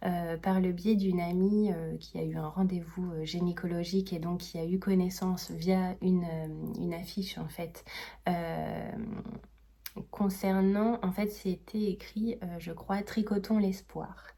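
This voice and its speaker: A woman's voice: medium pitch, warm tone. A French woman chatting casually in her knitting vlog, hesitant and full of fillers and restarts. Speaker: knitting vlogger.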